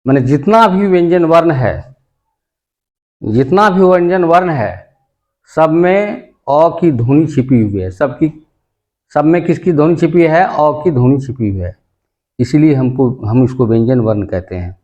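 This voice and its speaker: A man's voice: on the high side, animated, a little mellow, muffled recording. A man teaching a grammar lesson, repeating each point and quizzing his listeners with questions he answers himself. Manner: slow, deliberate delivery. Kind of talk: classroom-style grammar lesson.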